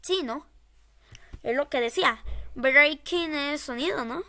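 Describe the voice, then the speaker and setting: A woman's voice: high voice, takes it slowly, pushed and bright. A woman horror game streamer giving casual, scared gameplay commentary, nervously repeating short phrases.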